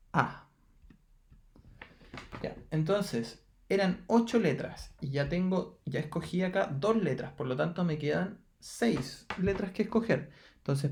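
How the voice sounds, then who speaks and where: A man's voice: fairly high pitch, gravelly, a little mellow. A man teaching a math lesson in Chilean Spanish, patiently counting through each step aloud and checking in with his students. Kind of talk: recorded lesson explaining exercises.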